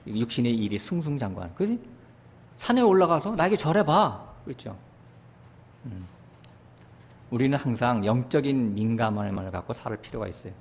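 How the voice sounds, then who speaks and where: A male pastor preaching a sermon. He keeps asking his listeners short questions and jumps higher and louder when he voices God's words. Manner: animated preaching, voicing God's words with sudden rises in pitch and loudness; often checks with the congregation using short asides.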